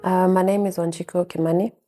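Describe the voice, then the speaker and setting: A woman's voice: fairly low pitch, little pitch movement, fast talker, mellow, soft background music. A woman in her thirties from Kenya, raised in South Africa, frankly telling her life story as a podcast guest. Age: 30s. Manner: frank, reflective, with small restarts. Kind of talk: candid interview storytelling.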